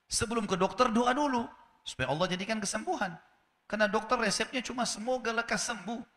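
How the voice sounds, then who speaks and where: A man's voice: fast, big-room sound. A man preaching a sermon, telling a story with acted-out dialogue and asking the listeners rhetorical questions. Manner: animated storytelling, acting out dialogue with rising pitch.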